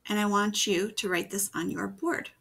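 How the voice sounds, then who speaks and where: A woman teacher giving a video writing lesson for children, explaining slowly and patiently step by step. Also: medium pitch, steady tone, vocal fry, fairly bright tone, husky.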